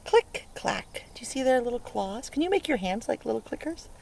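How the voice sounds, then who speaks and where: Reading outdoors by a lake, a woman with a rather high, gravelly voice shares a picture book with young children in an interactive read-aloud. The early learning teacher keeps things playful and expressive, acting out sound words and pausing to question her listeners, while lakeside ambience hums steadily behind her.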